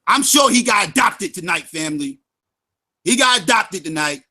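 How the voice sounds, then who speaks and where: A man's voice: high voice, lively intonation, normal speed, sharp tone. A man giving angry, profane, sarcastic commentary on a livestream.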